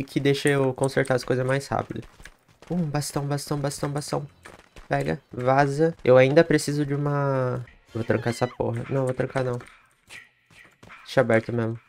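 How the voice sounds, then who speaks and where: Brazilian man gaming, cursing and shouting. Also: mid-range voice, steady tone, brisk, vocal fry, slight background noise. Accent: Brazilian Portuguese. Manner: swears a lot, bursts into loud panicked shouting. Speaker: gamer streamer. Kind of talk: live gameplay commentary.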